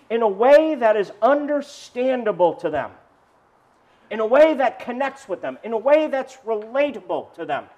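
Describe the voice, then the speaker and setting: A male pastor preaching a sermon outdoors, telling stories and asking the congregation questions. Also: very high-pitched. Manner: animated storytelling preacher, asks the congregation questions.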